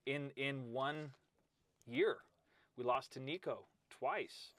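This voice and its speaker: A middle-aged man's voice in a dry, close-miked room, mid-pitched and conversational. He's a wrestling coach spinning stories with lively acted-out quotes, dropping "bro" and "right?" as he goes. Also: slow, no echo. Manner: animated storyteller, acts out quotes, says "bro" and "right?". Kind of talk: casual storytelling interview.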